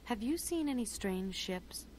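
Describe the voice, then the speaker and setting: A woman's voice: fairly high pitch, lively intonation, measured pace, a little mellow, low-quality recording. A woman voicing an inquisitive, practical adventurer heroine in a video game, speaking plainly and directly. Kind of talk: video game character acting. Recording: game audio with faint noise.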